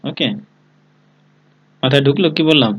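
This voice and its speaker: A man's voice: medium pitch, moderate pace, a bit bright, breathy edge, highs cut off. A man teaching an online English class, spelling words letter by letter and often asking his students whether they follow. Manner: calls on students by name. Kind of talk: live online class lesson.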